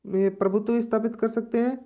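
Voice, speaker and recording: A woman teaching an exam-prep lesson, explaining slowly and repeating each point in other words. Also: fairly high pitch, little pitch movement, warm tone.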